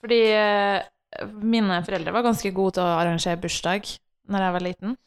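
Lively, laughing woman storyteller. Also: medium pitch, smooth. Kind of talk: casual chat.

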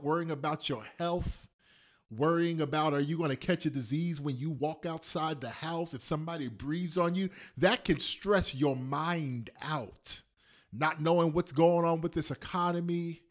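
A man's voice: fairly high pitch, moderate pace. A man preaching as pastor on a prayer call, quoting scripture and building to fervent, emphatic repetition. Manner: rising into fervent, shouted emphasis, repeating lines; quotes and explains scripture.

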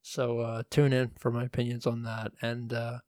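A young man hosting a casual solo podcast from home at night, talking in a hushed voice and rambling with frequent swearing, recorded on a phone. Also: medium pitch, completely flat delivery, normal speed, no room sound, studio quality. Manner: hushed, quiet delivery. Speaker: podcast host.

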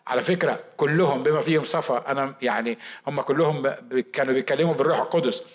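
A man with an Egyptian Arabic accent, preaching a Bible study sermon in a lively, talkative way with asides and mock quotes. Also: medium pitch. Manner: says he shouts and talks fast. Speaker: pastor.

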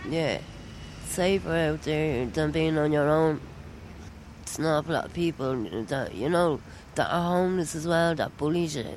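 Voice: medium pitch, normal speed, a little hiss or hum, low-quality recording. A person interviewed outdoors on a street, answering bluntly and tersely.

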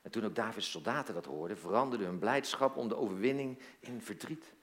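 A man's voice: lowish voice, fast talker. A man preaching a sermon as pastor, telling a story and engaging listeners with questions, often repeating words as he goes.

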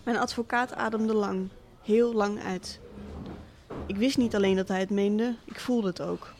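A woman reading a literary monologue as a cynical, wealthy absent father, speaking in a dry, deliberate, sardonic way. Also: medium pitch, fairly even intonation, a little mellow, natural voice. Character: cynical rich middle-aged father, absent tycoon.

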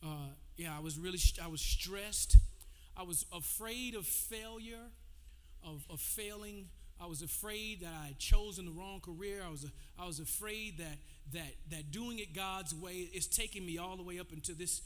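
A man in his forties preaching to his congregation, his voice sitting high. He moves between call-and-response and a loose, conversational telling of his testimony. The sound rings out with a long reverb from the church hall. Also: normal speed, a little mellow. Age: 40s. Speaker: pastor. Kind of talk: sermon. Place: church sanctuary.

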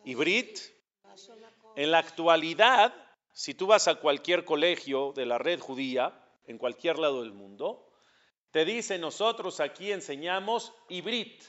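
A man's voice: a little high, lively intonation, unhurried, fairly bright tone. A man teaching a religious lesson as a rabbi, asking questions and answering them himself. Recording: dull lo-fi recording.

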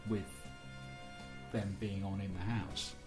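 A man's voice: deep voice, fairly even intonation, slow pace, over music. A man hosting a podcast, giving discursive, casual commentary on culture in a musing way. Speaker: podcast host.

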